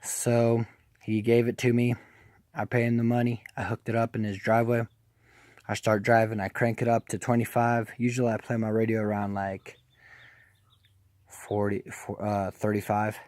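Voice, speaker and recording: A young man recounts a story in a loose, chatty way, voice sitting a little low. He rambles and keeps checking in with the listener as he goes. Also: moderate pace, no echo, studio quality. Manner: rambling and animated, leans on "I'm like" and "right?". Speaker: vlogger. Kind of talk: casual storytelling.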